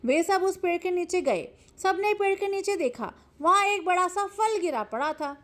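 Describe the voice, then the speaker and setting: A woman teacher telling a story to children in a lively, animated way, retelling each part twice. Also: very high voice, moderate pace.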